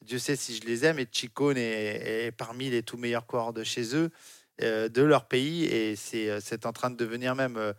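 A man's voice: mid-range voice, steady tone, normal speed, clean tone, no echo. A French man working as a cycling consultant, speaking with passion in a radio studio and often repeating words as he restarts. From France. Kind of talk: lively radio studio discussion.

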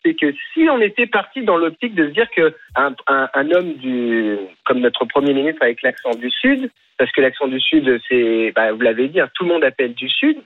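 A male radio caller who speaks hesitantly and fills his pauses with filler sounds. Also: mid-range voice, big pitch swings, no room sound. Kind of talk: phone-in chat. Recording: tinny phone line.

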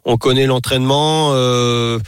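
A man giving horse racing tips on a radio show, talking casually and haltingly with many fillers and restarts. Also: mid-range voice, steady tone, clear, resonant tone, dry recording, clean studio sound. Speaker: racing tipster.

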